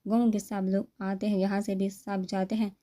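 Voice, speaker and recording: A woman's voice: medium pitch, flat delivery, dark tone, natural voice. A woman reading a novel aloud, voicing a chatty, friendly young woman cousin who insists on keeping company. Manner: talkative, insistent.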